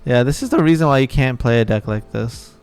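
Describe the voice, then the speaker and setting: A man streaming a card game live, talking to himself and his viewers, swearing at bad luck and muttering quietly between outbursts. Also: mid-range voice, brisk, clean tone.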